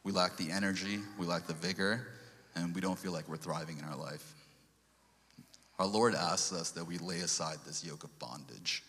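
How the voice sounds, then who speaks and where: Speaking with a low, bright, forceful voice at a moderate pace, a Sri Lankan layman shares an earnest testimony in church. The recording has a big-room sound, and he quotes scripture while tripping over restarts.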